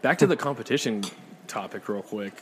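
Upbeat fast-talking podcast host man. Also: on the low side, expressive, a bit bright, a little hiss or hum. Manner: upbeat, chatty, quick reactions. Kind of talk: casual podcast chat. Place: diner.

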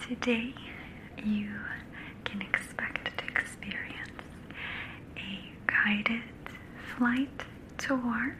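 A woman whispering softly as a flight attendant in an ASMR roleplay, checking in gently with the listener. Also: mid-range voice, poor audio. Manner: soft, slow whisper with frequent gentle check-ins.

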